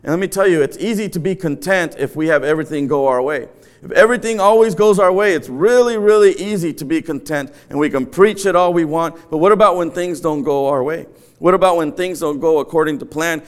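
A middle-aged man preaches in an empty sanctuary, his voice a touch high and smooth with clean resonance. He speaks earnestly, circling back to repeat his main points for emphasis. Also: fairly quick. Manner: earnest, repeats key phrases, chuckles between points. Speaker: pastor. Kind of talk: sermon.

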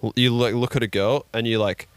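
A man's voice: medium pitch, fairly even intonation, fairly quick, smooth, no echo. A young man on a podcast, laid-back and mocking, acting out jokes in casual banter. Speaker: podcast co-host.

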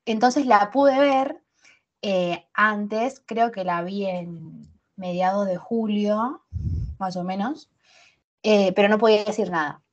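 A young woman with a Rioplatense Spanish accent, co-hosting a podcast in casual, animated chat full of slang and restarts. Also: medium pitch, slow, dull audio. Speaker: podcast co-host.

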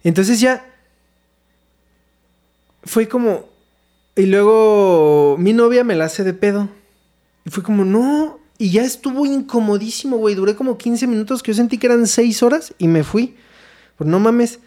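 A young Mexican man with a high-pitched voice tells a story among friends. He talks in loose, slangy, profane bursts and slips into acting out the quotes. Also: moderate pace, pauses often, warm tone. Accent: Mexican Spanish. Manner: slangy, swears a lot, acts out quotes. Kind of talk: casual chat.

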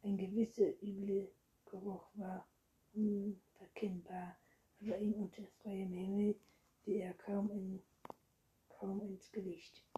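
Slow, mellow woman reading a storybook. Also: medium pitch, flat delivery, low-quality recording. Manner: soft, often whispered reading. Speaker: audiobook narrator. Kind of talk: storybook narration.

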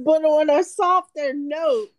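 A woman's voice: high voice, fairly even intonation, slow pace. A woman co-hosting a casual podcast chat, talking in a teasing way with laughs. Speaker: podcast co-host.

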